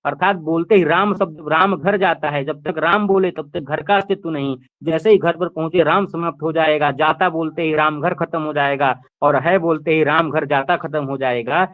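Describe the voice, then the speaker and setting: A man with a fairly high voice gives a patient lecture on a classical Sanskrit text. He talks, goes over each point more than once and keeps asking his listeners rhetorical questions. The sound is thin and narrow, like a phone line. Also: fairly even intonation. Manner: slow, repetitive explanations with rhetorical questions. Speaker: Sanskrit teacher. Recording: tinny phone-like audio.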